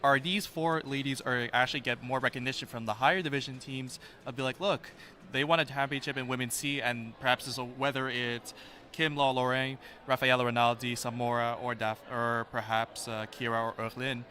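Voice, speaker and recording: Male booth host, live sports commentary, bright forceful voice, mid pitch, faint background noise. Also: fairly even intonation, brisk.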